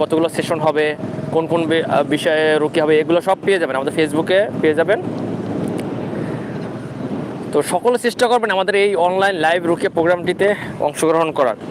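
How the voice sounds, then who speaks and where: Casting: Bangladeshi male, high-pitched voice, informal religious adviser speaking live outdoors, halting and instructive, over clear wind and rumble. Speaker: ruqyah practitioner hosting a live Q&A. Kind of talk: informal livestream talk with religious advice. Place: outdoors at a sea beach.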